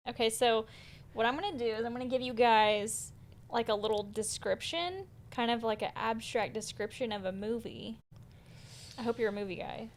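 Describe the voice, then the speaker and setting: A woman's voice: fairly high pitch, moderate pace, a little hiss or hum. Playful, teasing woman podcast host. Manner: playful, teasing, laughs often. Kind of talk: casual podcast chat, running a quiz game.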